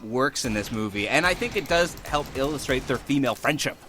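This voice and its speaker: A man co-hosting a podcast in casual chat, quick with wisecracks. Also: medium pitch, lively intonation, sharp tone, a little hiss or hum. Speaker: podcast co-host.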